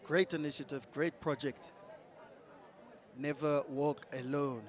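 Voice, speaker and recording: High-voiced, unhurried boxing commentator, male. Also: fairly even intonation. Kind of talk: live sports commentary. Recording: live event, music and crowd noise. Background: music and crowd.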